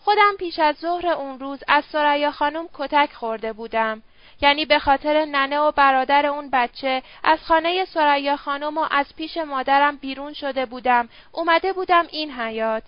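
A woman's voice: high voice, dry recording, close to an everyday voice. Woman reading as a guilt-ridden young servant girl. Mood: confessing. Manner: colloquial Tehrani speech, rueful. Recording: dull dry lo-fi audio.

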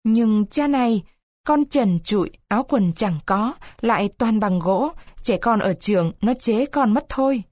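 Woman doing a squeaky little wooden boy, cheeky and eager, storybook voice, dry. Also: lively intonation, a little slow, darkish tone, dry recording. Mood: earnest.

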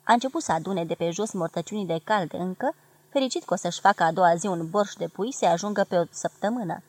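A woman from Romania giving a measured, expressive literary reading of a memoir. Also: lowish voice, dry recording. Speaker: reader of a memoir.

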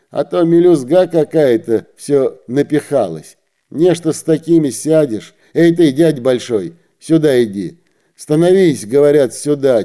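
Male reader as a brusque, pushy soldier, loud orders, very dark voice. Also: medium pitch, close to an everyday voice.

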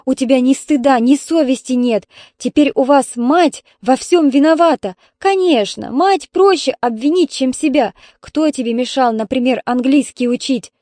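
A woman's voice: high voice, normal speed, dark tone, no echo, studio quality, pitched above the performer's own voice, close to an everyday voice. Woman reading a reproachful retired mother. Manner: scolding, indignant. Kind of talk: audiobook character reading.

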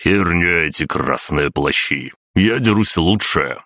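A man's voice: low voice, expressive, slow pace, sharp tone, dry recording, studio quality, heavily acted. A man reading an audiobook, voicing a brash, boastful male viking warrior with a mocking, swaggering manner.

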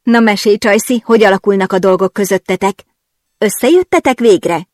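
A woman's voice: medium pitch, darkish tone, no room sound, clean studio sound, lightly acted. A woman voicing a carefree, blunt young woman friend who gossips and teases. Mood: gossipy. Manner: blunt, giddy and teasing.

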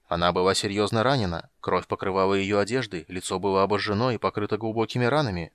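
A man's voice: on the low side, fast talker, a bit bright, clear, resonant tone, dry recording, close to an everyday voice. A man voicing a solemn, honorable young knight who speaks in a formal, accusing way.

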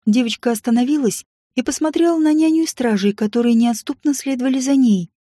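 A woman narrating an audiobook story in a calm, even reading voice. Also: high voice, brisk, no room sound, clean studio sound.

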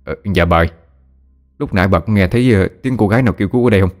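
Brief: sly joking exorcist, low voice, playful; a man plays him. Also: racing, soft background music, close to an everyday voice. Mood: teasing. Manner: teasing, playfully mock-innocent.

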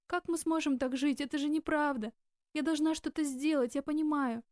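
Woman reading a young woman, tearful, anxious, pleading, very high voice. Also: steady tone, moderate pace, darkish tone, dry recording, clean studio sound, natural voice. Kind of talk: audiobook character voicing.

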